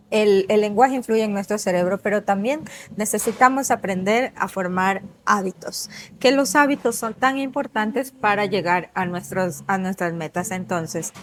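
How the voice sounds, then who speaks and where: Attentive woman podcast host, faint background noise. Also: medium pitch. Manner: attentive, frequent short affirmations. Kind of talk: interview conversation. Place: café.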